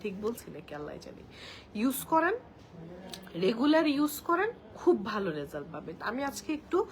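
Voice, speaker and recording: A woman with a Bangladeshi accent chatting through a live makeup demo, speaking softly because she has a cold and a sore throat. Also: a little high, very animated, moderate pace, a little hiss or hum. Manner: talks softly while applying makeup, chatty. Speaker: makeup brand presenter. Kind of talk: live product demo chat.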